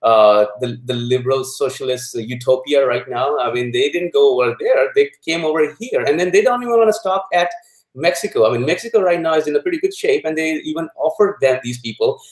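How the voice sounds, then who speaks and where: A man from Pakistan, a guest in a political interview, speaking haltingly with many fillers and growing indignant. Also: on the high side, echoey room, rough recording.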